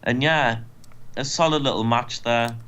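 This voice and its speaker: A man's voice: medium pitch, unhurried, a bit bright, clean tone. Wry man commentating a game. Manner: joking, wry. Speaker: let's play host.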